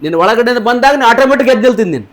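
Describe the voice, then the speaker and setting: ಎತ್ತರದ ಧ್ವನಿಯ ಉತ್ತರ ಕರ್ನಾಟಕದ ಪಾದ್ರಿ. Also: male voice, very high-pitched, expressive, very fast. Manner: questions the congregation, repeats their answers. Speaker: pastor. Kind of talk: sermon with call-and-response.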